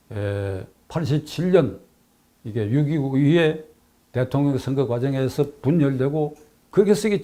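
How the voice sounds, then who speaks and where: An older man from South Korea talks through his views on his own channel in a fairly high-pitched voice. He hammers his points home, repeats key phrases and throws out rhetorical questions. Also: a little mellow. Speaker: channel host, political commentator. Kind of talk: political commentary monologue.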